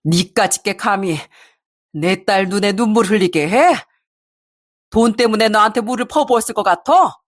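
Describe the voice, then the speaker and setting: A woman's voice: mid-range voice, moderate pace, lightly acted. A woman playing a scornful, protective old mother. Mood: enraged. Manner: scornful and reproachful. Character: angry older mother, protective of her daughter.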